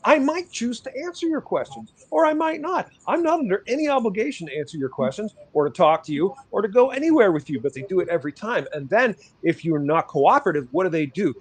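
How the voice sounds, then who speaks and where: Impassioned, fairly high-voiced man. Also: expressive, fast talker, few pauses, breathy edge. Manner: emphatic, impassioned, profane. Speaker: podcast guest, rights activist. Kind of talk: casual chat.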